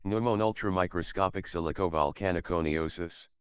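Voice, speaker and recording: A robotic synthetic male voice from a text-to-speech reader, with a flat machine delivery. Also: low-pitched, fairly quick, smooth, no echo.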